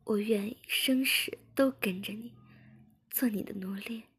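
Brief: tearful begging wife, high and breathy, whispered role-play, as a woman puts her on. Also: measured pace. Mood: pleading. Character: tearful pleading young wife.

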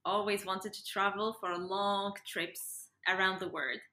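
Appearing as a podcast interview guest, a young Moroccan woman who facilitates yoga and breathwork speaks casually in a medium-pitched, bright, forceful voice. Her tone is steady and her pace a little slow, heard in a roomy, echoey space.

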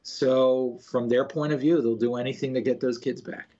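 A man giving political commentary as an interviewed guest, in a halting way, often repeating words as he explains. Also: mid-range voice, fairly even intonation, dark tone, highs cut off.

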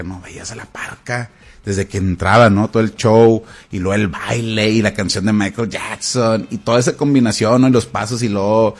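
A man with a Mexican Spanish accent hosting a casual interview, friendly and affirming, with many fillers. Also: fairly low pitch. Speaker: podcast host.

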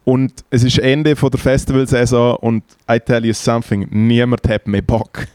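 On a podcast, a man with a Swiss German accent, a co-host who works as a band tour manager, casually tells crude backstage anecdotes, profane and animated, with quoted voices. The banter and storytelling come in his medium-pitched, clear, resonant voice at a moderate pace. The studio recording is clean and dry.

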